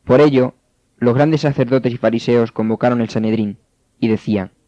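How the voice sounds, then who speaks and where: Narrador, lectura bíblica pausada, voz media, grabación seca. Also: male voice, medium pitch, dry recording. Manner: steady, measured. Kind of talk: scripted scripture narration. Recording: dull, dry studio sound.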